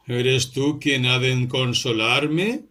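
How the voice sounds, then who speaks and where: Audiobook role: man voicing an anxious, pleading young friend, bright and husky tone. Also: mid-range voice, lively intonation, slow pace, full character voice. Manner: urgent, pleading. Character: distraught young male clerk, devoted friend.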